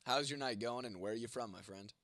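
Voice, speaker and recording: A young man chats loosely with his livestream audience, swearing freely and answering comments one by one. His voice sits at an ordinary middle pitch and is recorded close and dry in a small room. A sore throat gives him the odd cough. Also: quick pace, fairly bright tone, no room sound. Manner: profane, rambling, answers chat comments by name. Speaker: livestream host reading chat. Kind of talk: casual livestream chat.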